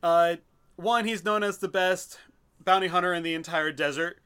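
A man's voice: high voice, normal speed, bright, forceful tone, clean tone. A man on a casual podcast chat, ranting and swearing as he explains things.

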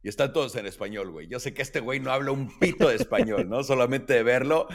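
A man's voice: medium pitch, fast. A man with a Mexican accent telling a long personal story on a casual podcast, acting out the voices of the people in it and swearing freely. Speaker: podcast host.

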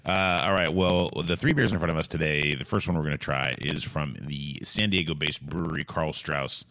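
A man hosting a podcast in casual talk, rambling and halting as he restarts his phrases. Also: a bass voice, gravelly, sharp tone, no echo. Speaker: podcast host.

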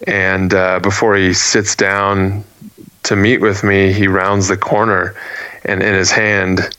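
A man telling a personal story as a guest in a casual interview, earnest and animated, often restarting his phrases. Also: low-pitched, slow pace, clean tone, no echo, muffled recording.

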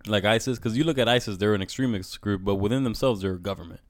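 Emphatic, talkative man with a lowish voice. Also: fast talker, no room sound, clean studio sound. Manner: emphatic, talkative, says "bro" often. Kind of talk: casual conversational talk.

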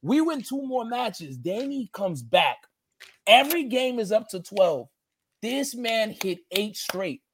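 A man with a strikingly high voice tells a rowdy, profane story in casual chat. He acts out every line the other people in the story said. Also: very animated, slow pace, slight background noise. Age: adult. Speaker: podcast co-host telling a story.

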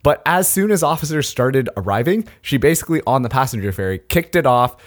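A man's voice: medium pitch, fairly quick. A man co-hosting a casual comedy podcast, reading out odd news stories and laughing often. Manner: animated storyteller, laughs often. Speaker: podcast co-host.

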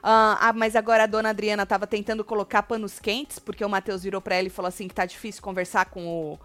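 A woman's voice: mid-range voice, level tone, fast, fairly bright tone. A woman hosting a casual reality show commentary, chatty and gossipy, often turning to her co-host. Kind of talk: casual chat.

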